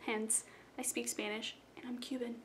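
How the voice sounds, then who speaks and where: This young adult vlogger from South Florida talks at a normal speed in a fairly high, slightly bright voice with little pitch movement. She rambles chattily and self-deprecatingly at a close webcam in her small bedroom for an intro video, with a little hiss or hum in the recording.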